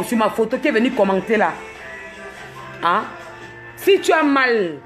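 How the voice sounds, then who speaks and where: A woman from Cameroon, ranting on a livestream, mocking and scolding with laughs between jabs. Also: fairly high pitch. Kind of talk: live social media rant.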